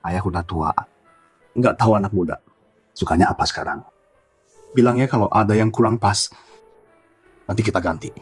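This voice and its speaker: A man voicing a gentle elderly father who speaks softly and dotingly in a dubbed drama. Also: fairly low pitch, normal speed, pauses often, soft background music, natural voice. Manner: soft and doting. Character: gentle elderly father, overjoyed at his daughter's return.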